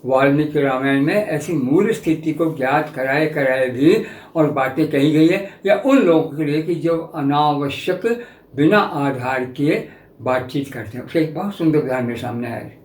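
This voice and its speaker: Older male lecturer, slightly high voice, measured and explanatory, echoey room. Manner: measured, explanatory, poses rhetorical questions. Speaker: professor lecturing on scripture. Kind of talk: spiritual lecture.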